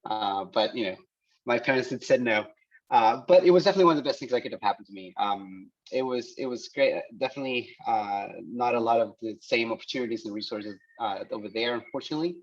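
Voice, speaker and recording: A man in his thirties from El Salvador, whose first language is Spanish, talks as a guest engineer on a video call, halting, with many restarts and fillers. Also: mid-range voice. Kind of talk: casual talk on a video call. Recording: dull lo-fi call audio.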